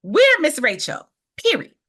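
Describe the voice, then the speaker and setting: A young adult woman co-hosting a podcast in casual chat, animated and emphatic with playful asides. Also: high-pitched, a little slow. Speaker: podcast co-host.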